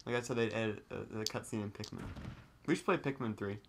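A young man giving casual, excitable, joking commentary as he hosts a game playthrough. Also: fairly low pitch, fast, slight background noise. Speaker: let's play host.

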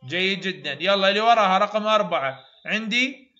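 Iraqi-accented male phonetics teacher, high bright voice, slow drill repeats, muffled class recording. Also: lively intonation. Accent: Iraqi Arabic. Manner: repeats sounds slowly, praises students often.

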